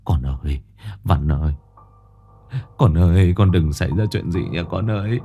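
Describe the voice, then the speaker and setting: A man's voice: deep voice, moderate pace, mellow, husky, highs cut off, soft background music, pitched below the performer's own voice. A man doing a distraught village father. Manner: stammering, pleading. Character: middle-aged village father, distraught and stammering.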